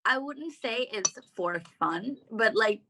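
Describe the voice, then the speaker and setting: A woman's voice: a little high, expressive, takes it slowly, bright, forceful tone, a little hiss or hum. A young woman from Thailand, a guest on a casual podcast, laughing often and using many fillers. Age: young adult.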